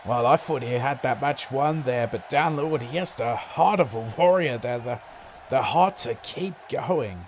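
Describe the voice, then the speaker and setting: A man doing excitable play-by-play wrestling commentary, breaking into loud exclamations. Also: mid-range voice, measured pace, highs cut off, a little hiss or hum.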